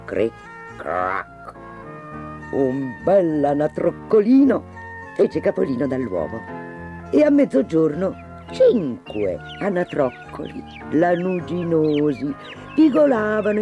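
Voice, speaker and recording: A man reading a children's fairy tale with an expressive, dramatic storybook delivery. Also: fairly high pitch.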